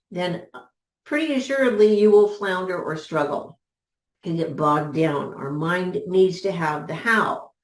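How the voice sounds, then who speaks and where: A woman coaches business owners in an unhurried, measured way, repeating key words to drive them home. Her voice sits on the lower side, and the recording has a noticeable room echo. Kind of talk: motivational teaching talk.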